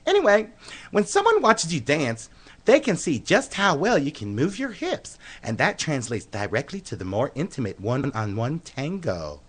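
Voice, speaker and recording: A man with a somewhat high, fairly bright yet husky voice uses an exaggerated delivery with huge pitch swings at a moderate pace. He is playing a flamboyant, flirtatious dance instructor in a comedy radio sketch, gushing in a giddy way.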